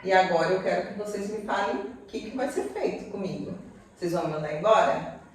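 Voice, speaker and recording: A woman giving a personal testimony as a guest, telling her story in an animated way and acting out the conversations. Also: lowish voice, fairly quick. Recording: echoey room, far from mic.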